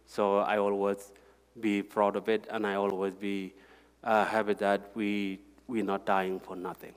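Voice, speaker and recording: In an echoing hall, a South Sudanese guest speaker with a lowish voice shares his personal story alongside slides. He speaks haltingly, repeating words, in a simple and sincere way.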